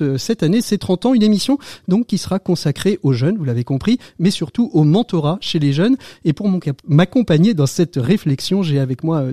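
An older man hosting a radio show, speaking in a measured, formal way with frequent hesitations. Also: on the high side, warm tone, no room sound, studio quality. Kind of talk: radio show introduction and interview. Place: studio set up in association offices.

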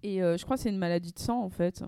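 A woman's voice: on the low side, fast, vocal fry, mellow, smooth, no echo. Young woman rambling through a podcast chat, lots of euh, dry close mic. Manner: rambling, many fillers and restarts. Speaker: podcast co-host. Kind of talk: casual chat.

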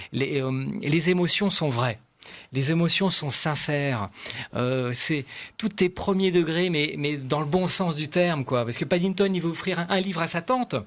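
A man's voice: on the high side, moderate pace. A man reviewing a film on a talk show, enthusiastic and gushing as he tells a story. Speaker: film critic. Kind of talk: radio film review chat.

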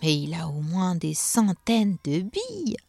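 Woman playing a little elf guy, high and fussy, always clutching his pearls. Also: slow, darkish tone, dry recording. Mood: shocked. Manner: indignant, fussy.

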